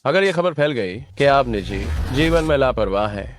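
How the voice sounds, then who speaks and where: A man's voice: mid-range voice, animated, normal speed, lightly acted. An actor dubbing a cold, scornful young man who has just come into money, speaking in a cutting way over faint music. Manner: contemptuous, cutting. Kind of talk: dubbed drama dialogue.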